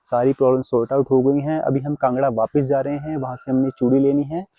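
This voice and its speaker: A man's voice: mid-range voice, level tone, fairly quick, no room sound. A man, talking casually to camera as a vlogger and father, lecturing viewers on keeping traditions. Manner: preachy, advising viewers on tradition. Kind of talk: casual vlog talk to camera. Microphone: phone camera. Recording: dry, slightly dull sound.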